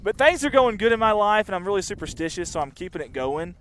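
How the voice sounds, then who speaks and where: A man doing chatty, rambling live softball commentary outdoors. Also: high voice, very animated, fast, a little hiss or hum. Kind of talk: casual live sports commentary. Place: outdoor softball field on a windy day.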